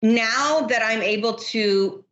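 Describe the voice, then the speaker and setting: A woman's voice: a little high, takes it slowly, a bit bright, roomy sound, muffled recording. A middle-aged woman, a business unit manager, speaking candidly and at length as a podcast guest. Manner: candid, talkative, many fillers like you know. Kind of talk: casual interview chat.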